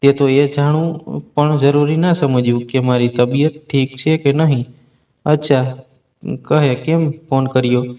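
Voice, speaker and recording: A man voicing an angry, defiant young wife in a spoken story, in a sharp tone. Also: mid-range voice, fairly even intonation, a little slow, lightly acted.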